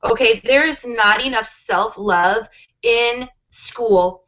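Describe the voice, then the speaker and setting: A woman's voice: a little high, takes it slowly, a bit bright. A woman in her forties, a guest on a casual livestream, talking earnestly and rambling with many restarts. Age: 40s. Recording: dull lo-fi livestream audio.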